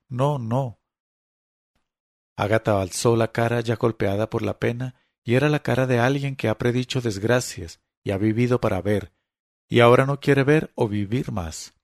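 A man narrating an audiobook in a steady, dramatic storytelling manner. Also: mid-range voice, creaky, no echo, studio quality.

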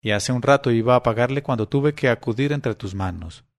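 A man reading as the anxious chief eunuch of a palace in an old tale, who explains himself to his superior. He speaks slowly and quietly, with humble deference, at a middle pitch. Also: natural voice. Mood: deferential. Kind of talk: audiobook character reading.

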